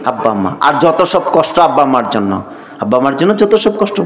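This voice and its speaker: A man's voice: mid-range voice, very animated, a little fast. A male preacher delivering a sermon, repeating phrases for emphasis and chanting scripture verses. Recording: echoey sermon sound.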